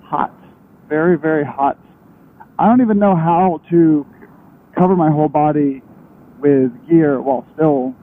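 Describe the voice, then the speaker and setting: Higher-pitched man talking inside a motorcycle helmet. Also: narrow, tinny audio. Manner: rambling, conversational, self-interrupting. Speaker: motorcycle vlogger. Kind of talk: casual chat while riding. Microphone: helmet microphone. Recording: thin radio-like sound inside a helmet.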